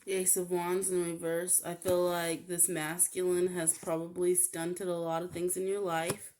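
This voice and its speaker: A woman giving a casual tarot reading, talking in a halting way with many fillers. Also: on the low side, flat delivery, a little mellow, a little hiss or hum. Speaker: tarot reader.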